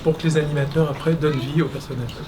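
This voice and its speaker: Indoors at an animation studio's offices, a man with a higher voice and fairly even intonation casually explains the place on a walking tour. He's halting, with many restarts and fillers, and loud crowd noise fills the recording.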